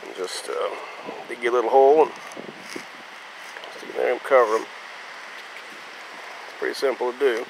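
A man's voice: mid-range voice, a little slow, gravelly, long pauses, poor audio. Easygoing man outdoors in heavy wind. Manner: easygoing, plain-spoken, rambling. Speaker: homesteader vlogger. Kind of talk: casual outdoor vlog. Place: windy farm field outdoors. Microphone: phone camera held while working. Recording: heavy wind noise on mic.

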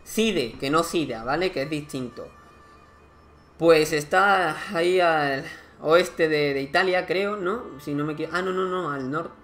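Man, gaming commentator; higher-pitched, chatty, thinks aloud. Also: unhurried, fairly bright tone, soft background music. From Spain. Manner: chatty, thinking aloud, counting units and resources. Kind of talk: casual let's-play commentary.

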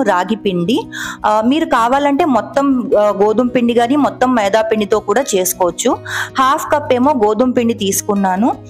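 Chatty woman narrating a home cooking vlog. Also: a little high. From Telugu-speaking India. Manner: chatty, explanatory, mixing English words into Telugu. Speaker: cooking vlogger. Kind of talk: voice-over narration of a cooking video.

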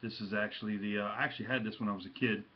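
A man casually showing off his hat and jersey pickups from his room at home, talking haltingly with lots of ums and uhs and slangy shout-outs, and he has the hiccups. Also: lowish voice, fairly even intonation, husky, muffled recording. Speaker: hat and jersey collector vlogger. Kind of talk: casual show-and-tell vlog.

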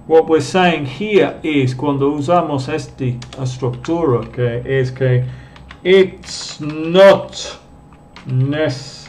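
A man's voice: fairly high pitch, takes it slowly, darkish tone, slight background noise. A man teaching a live online class, patiently explaining step by step and reading out viewer comments. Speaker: English teacher.

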